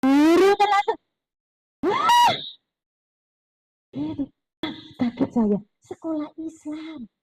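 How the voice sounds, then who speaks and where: A woman giving a religious parenting talk in a lively, chatty way, slipping in words and acting out other people's lines. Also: high-pitched, unhurried, slight background noise, rough recording. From East Java. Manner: lively, chatty, mixes Javanese words, acts out voices of others. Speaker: parenting seminar speaker. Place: mosque hall.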